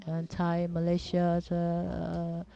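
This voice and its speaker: A woman from Japan with a Japanese accent giving an informal religious teaching talk in halting, simple non-native English, repeating her phrases. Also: on the low side, completely flat delivery, gravelly, mellow. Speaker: religious seminar speaker. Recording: dull, muffled lo-fi audio.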